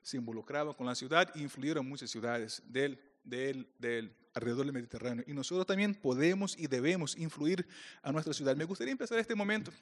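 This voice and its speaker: A brisk, medium-pitched middle-aged Brazilian man, a native Portuguese speaker with a Brazilian accent, gives a playful conference talk as a pastor speaking for a church group. He jokes around and plays with the audience, and the recording carries a long hall reverb.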